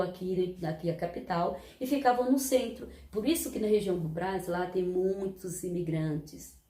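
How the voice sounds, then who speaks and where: A primary school teacher records a history lesson for children in a mellow, lowish voice with a reverberant sound. She's patient and explanatory, posing rhetorical questions to the class.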